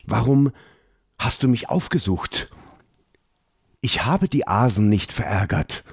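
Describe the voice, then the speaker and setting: A man's voice: mid-range voice, sing-song, slow, darkish tone, husky, dry recording, clean studio sound, pitched above the performer's own voice, heavily acted. A man voicing a frightened young male elf prince in a fantasy audio drama, his voice trembling and pleading.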